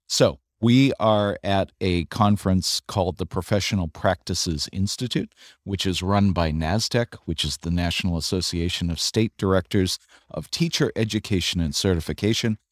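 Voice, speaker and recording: A man's voice: low voice, dry recording, studio quality. A man co-hosting a podcast, explaining things in a casual introduction recorded in a hallway. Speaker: podcast co-host. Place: hallway at a conference.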